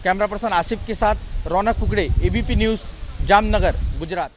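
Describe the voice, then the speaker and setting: A male field reporter giving a live news report in a halting way, with many hesitations. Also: sits high, soft background music. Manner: halting delivery with repeated pauses and filler phrases.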